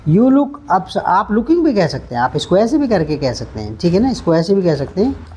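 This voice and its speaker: A Hindi-speaking man teaching English vocabulary in an online lesson, slowly repeating words and spelling them out letter by letter. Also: high-pitched, very animated, warm tone, breathy edge.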